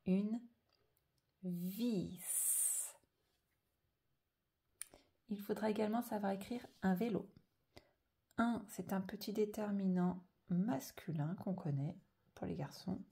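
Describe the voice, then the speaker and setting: A woman teaching a slow handwriting dictation lesson, carefully drawing out each sound and letter. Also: medium pitch, creaky, dark tone. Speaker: primary school teacher.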